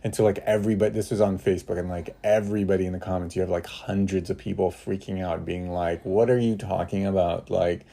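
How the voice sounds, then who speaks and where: Low, mellow-voiced ranting man. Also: flat delivery, fast, vocal fry, hardly any pauses. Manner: ranting, sarcastic. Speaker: podcast co-host. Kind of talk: casual chat.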